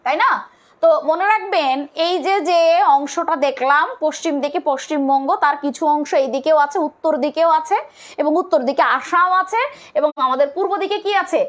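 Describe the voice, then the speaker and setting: A woman's voice: extremely high pitch, fairly bright tone. A young woman with a Bangladeshi Bengali accent giving an online exam-prep lecture, explaining step by step and asking and answering her own questions. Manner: colloquial, urges viewers to comment. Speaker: teacher.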